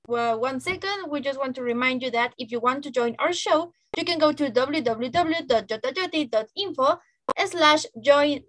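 Upbeat young woman host, high voice, dry close sound, video call. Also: a bit bright, no echo. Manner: upbeat, encouraging, chatty. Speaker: show host. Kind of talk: lively online show hosting.

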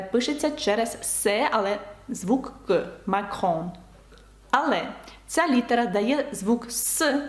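Woman, French teacher, slightly high voice, patient and repetitive, echoey room. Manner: patient, explains slowly and repeats example words. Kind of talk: online language lesson.

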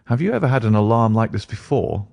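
A man voicing a sharp, commanding male detective who speaks briskly and insistently. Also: fairly low pitch, big pitch swings, vocal fry, dry recording, studio quality, heavily acted.

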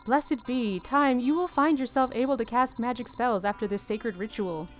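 A woman voicing a calm, solemn cult leader in a measured, formal manner from game dialogue. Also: a little high, natural voice. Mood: calm, grave. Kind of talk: reading game dialogue in character. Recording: music behind the voice.

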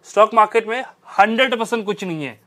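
A man's voice: high voice, quick pace, bright, forceful tone. A man teaching a stock trading strategy over a chart, stressing and repeating his key points. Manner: emphatic, repeats key phrases. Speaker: trading instructor.

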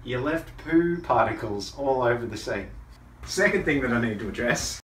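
A man's voice: medium pitch, lively intonation, normal speed, fairly bright tone, echoey room. A man chatting casually on a travel vlog, crude and joking, swearing a lot. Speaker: vlogger.

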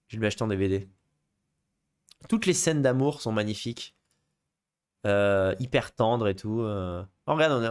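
A male film host talking off the cuff on a live stream, wandering from point to point with plenty of "euh" and false starts. He gets excitable and swears casually as he goes. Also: medium pitch. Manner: rambling, many fillers and restarts. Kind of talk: casual live chat about films.

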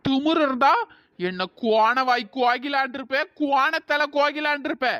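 A woman's voice: high voice, steady tone, unhurried, fairly bright tone, no room sound. A woman playing a menacing female ghost. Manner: menacing, scolding. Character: angry threatening female ghost. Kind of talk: cartoon voice acting.

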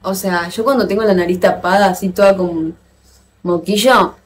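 A livestreamer with an Argentine Spanish accent chats casually with her viewers, playful and quick to exclaim and laugh. Her pitch is medium and her tone stays steady. There is slight background noise.

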